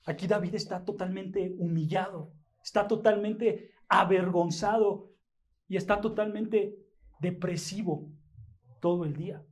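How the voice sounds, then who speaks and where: Mexican pastor guy, high voice, emphatic sermon, keeps asking "what?" then answering. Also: steady tone, measured pace. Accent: Mexican Spanish. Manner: emphatic, asks and answers his own questions; addresses the congregation as brothers.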